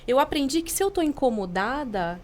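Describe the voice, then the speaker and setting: Woman on a podcast, voice on the high side, walks you through it step by step. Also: brisk, slight background noise. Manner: steady teaching tone, explains with everyday examples. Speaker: podcast guest. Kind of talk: explanatory podcast talk.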